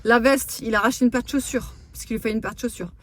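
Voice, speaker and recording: A woman in her thirties chatting fast in a casual vlog, with many fillers, recorded in a car. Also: fairly high pitch, steady tone. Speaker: vlogger. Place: parked car, then at home.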